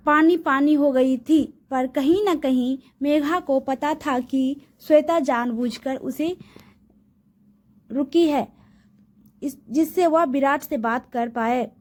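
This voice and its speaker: Slow, high-voiced woman storyteller. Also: fairly even intonation, darkish tone. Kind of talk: storybook narration.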